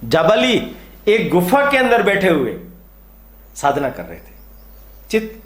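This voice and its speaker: A male storyteller retells an ancient epic and acts out its characters. His fairly high voice swings up and down as he tells it. The sound carries a roomy echo. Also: huge pitch swings, slow pace.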